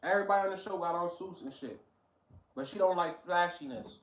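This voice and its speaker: A man's voice: sits high, brisk, a bit bright, echoey room, far from the mic, poor audio. A man giving blunt, profane, emphatic casual commentary while reacting to a video.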